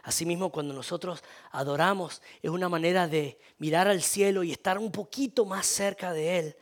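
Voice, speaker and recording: A man's voice: high voice, moderate pace. A man preaching a sermon, repeating himself, restarting often and calling for amens. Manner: repetitive, many restarts, calls for amen.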